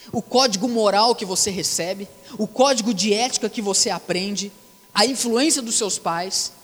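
Slangy Brazilian preacher in a reverberant hall. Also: male voice, very high voice. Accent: Brazilian Portuguese. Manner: lively, slangy, rhetorical questions to the audience. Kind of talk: youth sermon.

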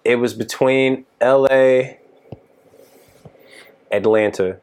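A man's voice: medium pitch, slow, clear, resonant tone. A man in his thirties from Texas, a working musician, chatting casually and rambling with lots of fillers. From Dallas, Texas. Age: 30s. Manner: relaxed, rambling, many fillers like "you know". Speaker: touring keyboard musician. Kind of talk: casual podcast chat.

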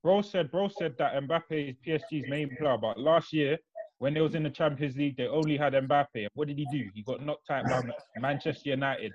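Young male, London roadman accent, higher-pitched, pushy slangy debater, dull lo-fi audio. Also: a little fast, no room sound. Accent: London, urban roadman. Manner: slangy, argumentative, insistent, repeats phrases. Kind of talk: casual football banter and debate.

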